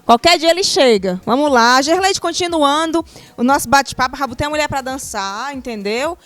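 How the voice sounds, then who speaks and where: Upbeat high-voiced woman host. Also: lively intonation, moderate pace, fairly bright tone. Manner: upbeat, playful, asks guiding questions. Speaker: TV talk show host. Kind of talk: casual studio interview.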